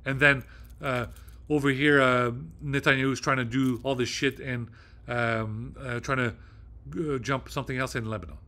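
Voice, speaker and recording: A man's voice: medium pitch, fairly even intonation, moderate pace, bright, forceful tone. A man hosting his own video, talking off the cuff in a rambling, agitated way, with heavy fillers and swearing. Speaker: video host. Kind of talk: casual monologue.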